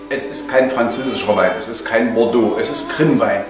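Speaking at medium pitch and a normal pace, an older man vlogs casually about home cooking, stumbling through frequent hesitations. His lapel mic picks him up from a distance in a reverberant kitchen, with background music running.

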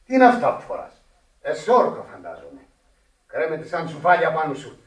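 In a radio drama, a parish priest scolds with indignation, his voice high for a man, formal and emphatic, its pitch swooping wildly. The sound is echoey, with the mic set well back from him.

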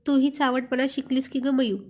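A teasing young husband coaxes his wife over and over, voiced by a woman reading a storybook aloud. He is playful and insistent, with a fairly high voice. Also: flat delivery, moderate pace, a little mellow, close to an everyday voice. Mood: teasing, coaxing. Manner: teasing, coaxing.

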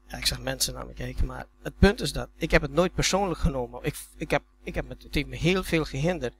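A man's voice: medium pitch, vocal fry, a bit bright, slight background noise. A man preaching a sermon in a church, telling stories in a conversational way that builds to emphatic peaks, often repeating words as he restarts. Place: church hall.

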